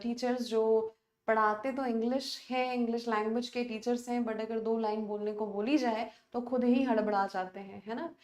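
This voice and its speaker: A woman teaching an English class online, switching easily between Hindi and English. She talks in a chatty, coaxing way, her voice on the higher side. The room around her is echoey.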